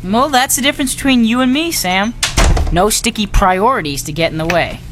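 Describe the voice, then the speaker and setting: A woman's voice: fairly high pitch, animated, a little fast, background noise, close to an everyday voice. A woman playing a cocky but easily flustered young boy in an audio drama. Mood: smug.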